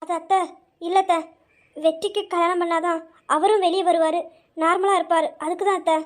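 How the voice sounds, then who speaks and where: A woman's voice: extremely high pitch, level tone, a little fast. A woman doing a polite, pleading daughter-in-law.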